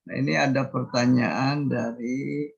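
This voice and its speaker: A man moderates an online class and politely reads out questions from the chat. His voice is gravelly and husky. The sound is dull and lo-fi, as it comes over a video call. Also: medium pitch, steady tone, measured pace.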